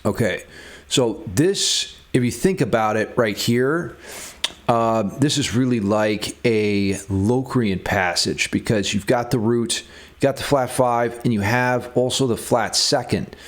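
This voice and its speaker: Unhurried and mid-range in pitch, this guitar theory teacher gives a relaxed lesson, working through ideas out loud with clear enthusiasm for the subject.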